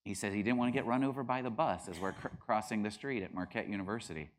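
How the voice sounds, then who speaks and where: A middle-aged man teaching a class argues his points with rising emphasis, his voice fairly low and fast. He's animated, acting out quoted voices and breaking into bursts of laughter.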